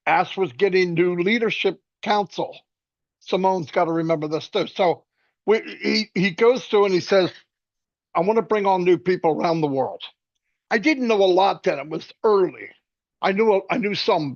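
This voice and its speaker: Animated guy telling a story on a video call, acts out the voices, highish voice, kinda muffled. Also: no room sound. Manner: animated, acts out quoted voices, restarts often. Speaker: webinar panelist telling a story. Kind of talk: casual storytelling.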